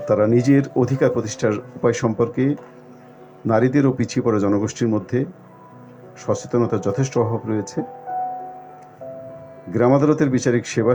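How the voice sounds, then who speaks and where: A man speaking as an expert guest in a discussion, explaining point by point in a formal, deliberate way with halting pauses. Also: on the low side. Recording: muffled lo-fi audio with music behind. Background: music.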